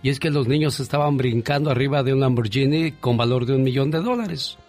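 A male radio host bantering with his co-host, quick to cut in with jokes. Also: medium pitch, darkish tone, faint music behind. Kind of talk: radio talk show banter.

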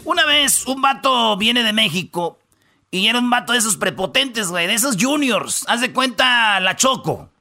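Male radio host, joking, slangy, bright high voice. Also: lively intonation, normal speed, faint music behind. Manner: slangy storyteller.

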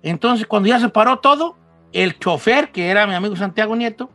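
Don Cheto, a man playing a high-voiced old Mexican rancher. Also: brisk, faint music behind. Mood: wry. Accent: Mexican Spanish. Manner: rambling, animated, acts out choking and the vendor's replies. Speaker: radio show host. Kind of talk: comic radio storytelling.

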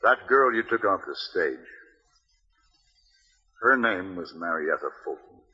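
A man playing a stern, relentless gunfighter in an old radio Western, speaking with deliberate menace. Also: deep voice, expressive, bright, forceful tone, husky, exaggerated voice. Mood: grim accusation. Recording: muffled reverberant vintage radio recording.

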